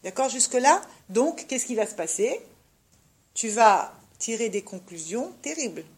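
A woman's voice: fairly high pitch, very animated, unhurried, darkish tone, slightly rough. A woman teaching a religious class to a group of women. She talks animatedly and addresses her listeners directly with rhetorical questions. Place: unheated room with a group of women.

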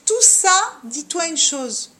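A woman with a high voice leads a lively religious lesson for women. She speaks directly to her listeners and drops Hebrew terms into her explanations. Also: slow. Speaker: religious teacher of a women's class.

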